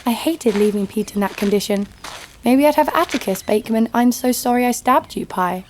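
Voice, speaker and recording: In a scripted audio drama, a woman plays a tough, sardonic fighter narrating her own story in the first person with dry, wry humour. Her voice is a little high and darkish, with lively intonation at a moderate pace, close to everyday speech, and slight background noise.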